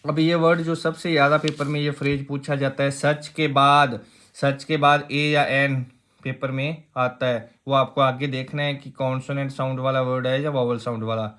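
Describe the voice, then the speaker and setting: A man's voice: mid-range voice, flat delivery, moderate pace, a bit bright. A man teaching an exam-prep grammar lesson, explaining step by step, asking rhetorical questions and repeating key points.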